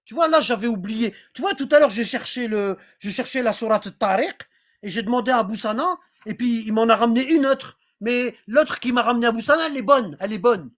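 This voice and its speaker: A religious teacher speaks at medium pitch and a little fast in an informal online class. After reading aloud from a text they add commentary, rambling and repeating phrases while checking that listeners understand.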